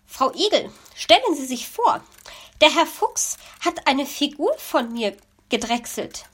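Woman doing a shrill nosy magpie lady. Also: sing-song, measured pace, a bit bright, full character voice. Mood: curious, suspicious. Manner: shrill, dramatic complaining. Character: fussy nosy female magpie, easily outraged. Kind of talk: storybook reading.

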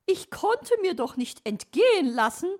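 A woman doing a shrill scheming magpie lady. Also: big pitch swings, a little slow, a little mellow. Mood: smug. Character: nosy scheming female magpie, shrill and smug.

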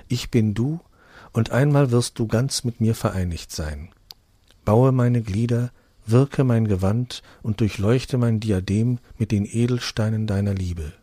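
A man voicing a serene, divine queen of a far-off realm, speaking calmly, solemnly and tenderly in a fairy tale reading. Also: fairly low pitch, dry recording.

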